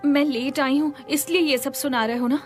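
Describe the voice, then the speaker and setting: A woman playing a flustered young woman, high-voiced. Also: fairly even intonation, moderate pace, faint music behind, close to an everyday voice. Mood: defensive. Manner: apologetic and defensive. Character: flustered young woman, often late, easily hurt. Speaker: dubbed drama character. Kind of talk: Hindi dub of a drama.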